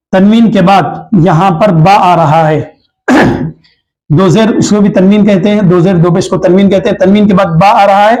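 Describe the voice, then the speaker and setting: High voiced hyderabadi urdu teacher guy going over tajweed rules slow, repeats every example, clears his throat now and then. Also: a little mellow, poor audio. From India. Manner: explains slowly, repeats each example, draws out recited words. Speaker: Quran recitation teacher. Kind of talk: tajweed lesson.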